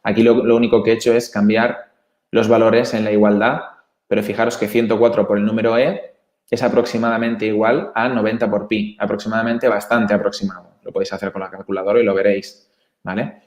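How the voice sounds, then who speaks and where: A man's voice: lowish voice, flat delivery, a little fast, darkish tone, echoey room. A man with a Spanish accent from Spain, explaining slides in an earnest, emphatic way with many restarts. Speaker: presenter.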